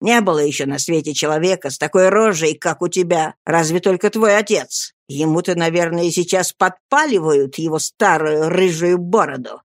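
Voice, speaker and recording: A woman voicing a brutal, bullying male thief who speaks roughly and bluntly in an audiobook reading. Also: lowish voice, no echo, clean studio sound, close to an everyday voice.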